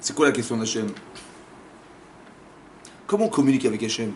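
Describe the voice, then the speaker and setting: A man, a rabbi, giving a lively Torah class in a community center, casual in phrasing, acting out dialogues and firing rhetorical questions. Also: medium pitch, brisk, slight background noise. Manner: animated, acts out dialogues, fires rhetorical questions. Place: community center lecture room.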